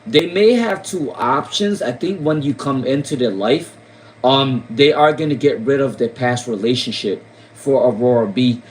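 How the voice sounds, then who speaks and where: A man's voice: mid-range voice, moderate pace, slight background noise, poor audio. A man from Rhode Island giving casual tarot readings on a live stream, repeating names and questions with many fillers. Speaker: tarot reader.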